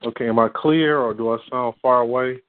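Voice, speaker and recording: A man leading a church group's conference call over the phone, talking haltingly with many fillers and restarts. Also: mid-range voice, fairly even intonation. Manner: hesitant, full of fillers and restarts. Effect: heard over a phone line. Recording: tinny dry phone line.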